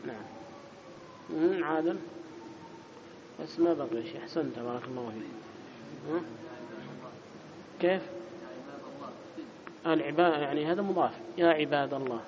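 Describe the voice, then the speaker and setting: A man teaching an Arabic grammar lesson, quizzing his students, correcting them briskly and reading the text aloud in a louder, higher voice. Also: crowd noise. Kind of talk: classroom lesson with student questions. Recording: dull lo-fi recording with clear background noise.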